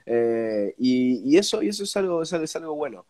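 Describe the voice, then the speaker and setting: A young man with an Argentine accent, congested and snotty from a cold, chatting casually as an interview guest and haltingly repeating words as he searches for phrasing. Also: fairly high pitch, big pitch swings, warm tone. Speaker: interview guest, radio presenter. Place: indoors at home, on a video call.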